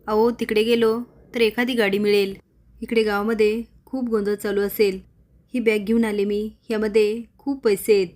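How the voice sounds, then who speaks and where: A woman voicing a scheming figure who smoothly reassures her companion. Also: mid-range voice, little pitch movement, normal speed, a little mellow, close to an everyday voice. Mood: reassuring.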